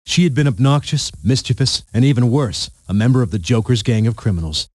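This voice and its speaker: A man's voice: mid-range voice, lively intonation, a little fast, a little mellow, no echo, studio quality. A man narrating a storybook game in a playful, punning storyteller manner.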